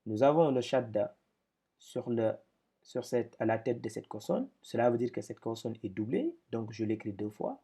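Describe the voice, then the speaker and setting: A man's voice: mid-range voice, sing-song, moderate pace, dark tone, slightly rough. A man teaching a step-by-step lesson, explaining patiently with repetitions and speaking up when he drills syllables.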